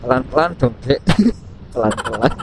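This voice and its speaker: A man with a Central Javanese accent chatting casually and joking to himself as he rides a motorbike and vlogs. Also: on the high side. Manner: joking, chatty, talks to himself, laughs often. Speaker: motovlogger. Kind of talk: casual riding vlog chat. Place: riding a motorbike on country roads. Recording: loud wind and engine noise.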